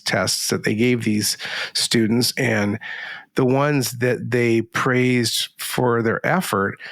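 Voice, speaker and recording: A man in his thirties co-hosting a podcast, speaking haltingly with many restarts. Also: on the low side, a bit bright, no echo, clean studio sound. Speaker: podcast co-host. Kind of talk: casual podcast chat.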